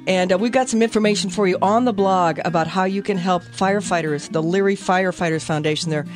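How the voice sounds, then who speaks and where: A woman hosting a casual radio chat, hoarse from a cold and laughing easily. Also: lowish voice, quick pace. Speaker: radio host. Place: radio studio. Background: live acoustic guitar.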